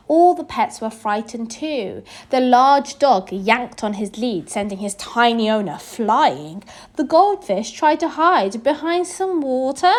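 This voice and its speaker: Here a woman with a high-pitched voice reads aloud from a children's story. She narrates expressively and takes her time over each line.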